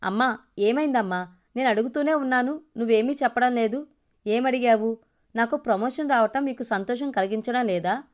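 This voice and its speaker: A woman's voice: fairly high pitch, moderate pace, close to an everyday voice. A woman voicing a grown daughter who speaks firmly and earnestly in a storybook reading. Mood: defiant. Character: grown daughter, calm, firm, self-reliant.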